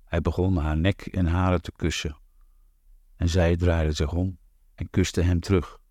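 A man narrating an audiobook in a calm, measured, even reading. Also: low voice, no echo, studio quality. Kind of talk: scripted narration.

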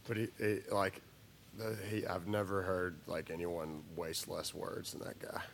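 This is a man with a gravelly, fry-heavy voice that sits low. He talks in a relaxed, casual way over coffee, trailing off and restarting as he swears. He sounds like an easygoing singer-songwriter in conversation. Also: unhurried, slight background noise. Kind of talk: casual chat. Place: coffee shop.

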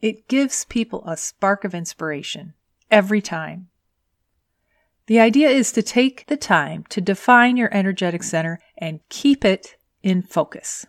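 A woman's voice: mid-range voice, a little slow, dry recording, clean studio sound. A woman hosting a scripted solo advice podcast, coaching in a tidy, orderly, instructional way. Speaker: podcast host and career coach.

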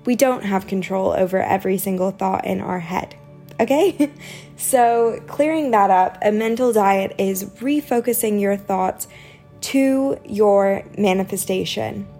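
A woman's voice: mid-range voice, unhurried, mellow, faint music behind. A woman hosting a solo podcast, teaching in a casual, chatty way and stressing points by repeating words. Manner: chatty, informal, emphatic repetition of words.

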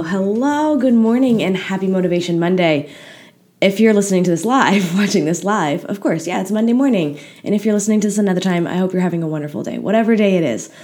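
A woman hosting a motivational podcast, talking casually and candidly with a hoarse voice. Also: mid-range voice, a little mellow. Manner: candid, chatty, self-deprecating. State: hoarse, unusual voice today. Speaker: podcast host. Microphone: podcast microphone.

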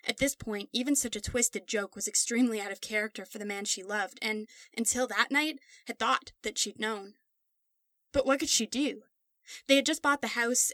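A woman reads a scripted story in a steady, measured way. Her voice is bright and sits fairly high, and she stays close to the microphone. The sound is dry, with no room around it. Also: no echo. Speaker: narrator.

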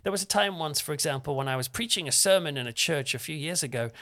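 A man's voice: on the high side, animated, fast talker, bright, forceful tone. A young man giving a conversational, self-deprecating devotional talk as a preacher. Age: young adult.

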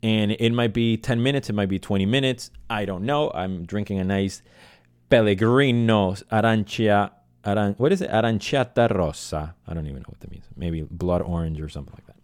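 A man with a fairly low voice, recorded close and dry. He hosts a solo fan podcast off the cuff. His delivery is casual, passionate and led by feeling. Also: fairly quick, a little mellow, clear, resonant tone, no room sound. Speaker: podcast host.

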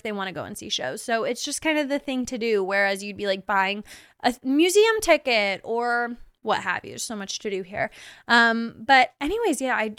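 A woman's voice: fairly high pitch, fairly bright tone, no echo, clean studio sound. A woman of twenty-five hosting her own podcast, talking casually and chattily, with lots of "like" and light laughs. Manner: chatty and bubbly, full of "like" and quick laughs. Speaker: podcast host. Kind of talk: casual solo podcast recap.

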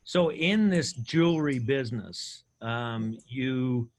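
A man hosts an interview podcast in an upbeat, chatty way. His voice sits at a middling pitch, and he rambles a little, often restarting his sentences. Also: animated, slow pace. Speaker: podcast host. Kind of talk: casual interview hosting.

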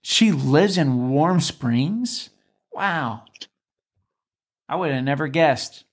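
Sarcastic, animated man hosting. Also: on the high side, very slow. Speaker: podcast host. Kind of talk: casual interview conversation.

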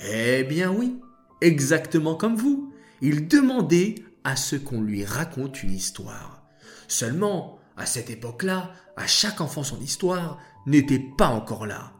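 A man narrating a story to children in a slow, expressive way. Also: on the high side. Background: faint music.

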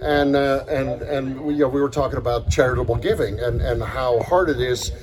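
A man who grew up in Ethiopia, a podcast guest in casual conversation, telling stories in an animated, earnest way, recorded outdoors on a farm. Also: medium pitch, brisk, a crowd in the background.

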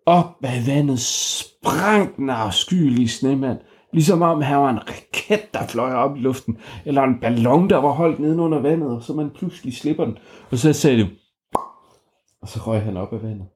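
A man telling an improvised bedtime story to a child, animated and playful with sound effects. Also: medium pitch.

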